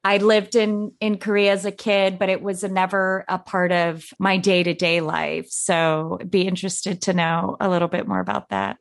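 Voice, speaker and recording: A woman's voice: on the low side, moderate pace, hardly any pauses. A woman co-hosting a podcast and asking curious, enthusiastic questions. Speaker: podcast co-host. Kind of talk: podcast interview.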